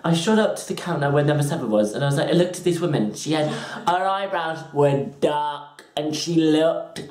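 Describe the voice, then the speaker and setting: A woman's voice: low voice, normal speed, darkish tone. A woman doing a comedic, rambling makeup brush review full of swearing. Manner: profane, rambling storytelling. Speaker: beauty vlogger. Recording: roomy echoey room.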